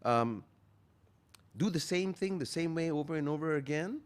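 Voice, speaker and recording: A man, talking earnestly as a guest and slowing down to stress his key phrases. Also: on the high side, expressive, smooth. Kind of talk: motivational interview talk.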